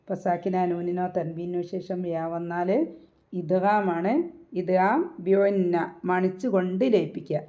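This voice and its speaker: A woman teaching a recitation lesson in Malayalam, patiently repeating syllables slowly to demonstrate the sounds. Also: fairly low pitch, level tone, mellow, muffled recording.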